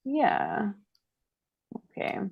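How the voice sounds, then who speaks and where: A woman's voice: extremely slow, dry recording, highs cut off. A woman with a Scottish accent, a designer chatting casually and thinking aloud as she works through a live-stream demo. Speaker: designer guest.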